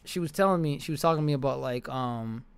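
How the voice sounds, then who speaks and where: Talking fast in a clear, resonant mid-range voice, a young American man in his early adulthood spins a casual story for his stream chat, full of slang and profanity and repeated phrases for emphasis. He sits close to a desk mic with a headset on, indoors in a bedroom or basement room.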